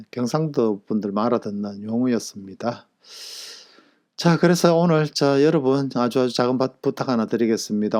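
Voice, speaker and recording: A man's voice: mid-range voice, a little mellow. A man with a Gyeongsang Korean accent hosting a casual live stream, chatty and jokey, laughing often and greeting viewers by name. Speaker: live-stream host and shop owner.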